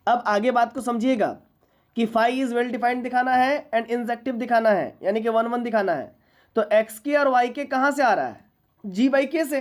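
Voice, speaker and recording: A woman teaching a university maths class, lecturing patiently and often asking whether students follow. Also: on the high side. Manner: patient, checks understanding often.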